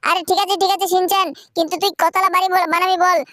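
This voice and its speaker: A gaming channel host narrating a role-play game video in a bossy, repetitive, excitable way. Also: very high-pitched, rapid-fire, no room sound, studio quality.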